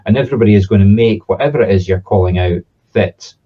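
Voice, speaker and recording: A man's voice: lowish voice, quick pace, husky, lo-fi sound. A man with a Southern Scottish accent giving an informal explanatory talk as a spiritualist medium, in a conversational way with examples. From Scotland.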